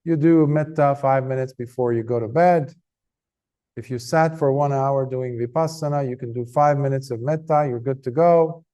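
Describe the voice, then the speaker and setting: A man, a Buddhist monk, giving an earnest, conversational Dhamma talk to a group, tired, with emphatic stresses and pauses. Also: mid-range voice, warm tone.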